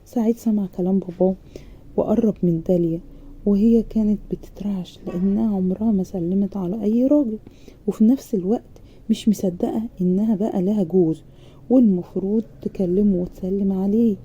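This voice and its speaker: A woman with an Egyptian accent narrates a story casually and animatedly, racing through the lines. Her voice is dark and mellow, slightly raised in pitch, and the recording has a dull, lo-fi sound. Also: a little fast, husky. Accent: Egyptian Arabic.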